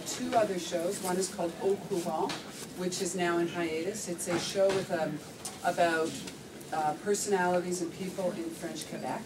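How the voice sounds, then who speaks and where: A woman's voice: fairly low pitch, far from the mic. A woman managing editor giving visitors an informal explanatory talk in a newsroom. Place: working newsroom. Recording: noisy room, off-mic pickup.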